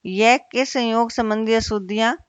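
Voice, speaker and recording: A woman teacher giving an online Hindi grammar lesson, repeating each word slowly and asking the class questions. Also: on the high side, fairly even intonation, clean tone, no echo.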